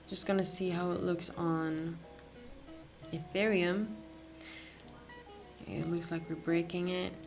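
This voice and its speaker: Hosting a crypto market livestream, this woman from Sweden speaks with a Swedish accent in a lowish, slightly bright voice. She keeps it casual as she reads the chat, restarting often and using many fillers.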